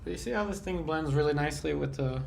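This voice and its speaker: Speaking quickly in a fairly high, creaky voice, this livestream art host chats easily with viewers during a painting demo and responds to their comments as he goes. He sounds stuffed up and a bit nasal from a sinus infection, and there's slight background noise.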